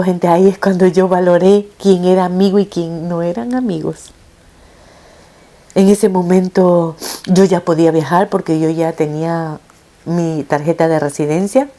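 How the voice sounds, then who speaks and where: Woman, middle-aged, mellow warm voice, emotional personal testimony, halting, speaks straight to viewers. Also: fairly low pitch, fairly even intonation. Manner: emotional, halting with repeated restarts, addresses viewers directly. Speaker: mother sharing her life story.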